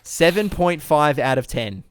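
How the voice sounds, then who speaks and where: A man's voice: fairly high pitch, animated, a little slow, smooth, no echo, clean studio sound. A man co-hosting a casual comedy film podcast, reading out ratings with a playful, teasing manner and laughing along. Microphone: podcast mic, remote recording.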